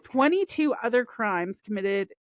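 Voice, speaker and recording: A woman's voice: a little high, expressive, unhurried, dry recording. A woman co-hosting a podcast, casually telling crime stories and laughing often. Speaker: podcast co-host. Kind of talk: casual true-crime chat.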